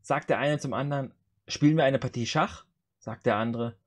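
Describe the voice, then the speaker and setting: A man's voice: mid-range voice, normal speed. A man hosting a joke challenge on a video call, reading out short jokes and acting out their dialogue. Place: indoor room on a video call.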